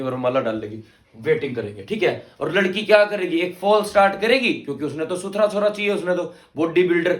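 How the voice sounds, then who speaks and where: A man's voice: on the high side, reverberant. A young man teaching an exam lecture, quizzing his students and using playful movie references. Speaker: exam tutor. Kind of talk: mnemonic-driven exam lecture.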